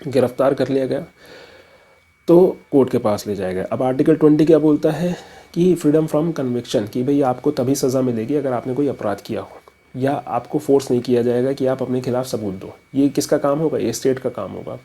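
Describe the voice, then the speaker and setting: A man's voice: medium pitch, creaky, warm tone, slightly rough, poor audio. A man explaining a memory trick as an educator, casual and story-driven, mixing in English terms.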